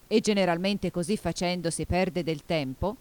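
Lady reader doing a bossy loud gryphon beast, gruff and brisk, storybook. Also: fairly low pitch, natural voice. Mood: brusque. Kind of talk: audiobook character voice.

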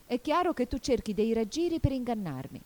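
A woman voicing a distraught male pigeon in a storybook reading, shrill, wailing and accusing. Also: big pitch swings, brisk, darkish tone. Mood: scornful. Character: frantic male pigeon guarding eggs, shrill and suspicious.

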